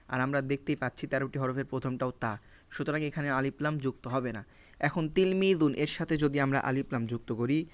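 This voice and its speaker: A man whose first language is Bengali teaches an Arabic lesson, reading examples from a textbook and explaining each rule step by step. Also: mid-range voice.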